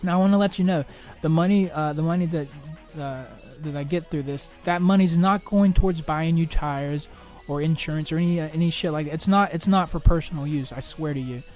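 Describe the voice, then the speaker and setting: A young man hosts his podcast alone, telling personal troubles in a halting, restart-filled monologue and swearing freely. His voice sits a little high for a man. Faint music plays underneath. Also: darkish tone. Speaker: podcast host.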